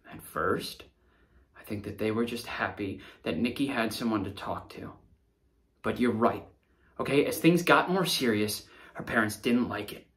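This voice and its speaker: A man in his thirties playing an earnest, rattled young delivery driver under interrogation, pleading and halting in a naturalistic screen-drama style. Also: fairly low pitch, fairly bright tone, lightly acted. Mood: earnest, uneasy. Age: 30s. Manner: pleading, halting, repeats words. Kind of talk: naturalistic screen acting, audition read. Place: small indoor studio against a backdrop.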